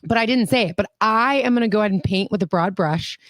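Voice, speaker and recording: A woman's voice: mid-range voice, fast, no room sound, studio quality. Blunt, joking woman. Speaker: podcast co-host. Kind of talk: casual chat.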